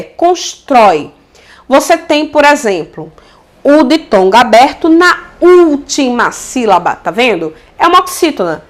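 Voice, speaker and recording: A Brazilian woman teaching a casual video grammar lesson, affectionate and lively, often checking in with her students and drawing out example words slowly. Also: sits high. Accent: Brazilian Portuguese.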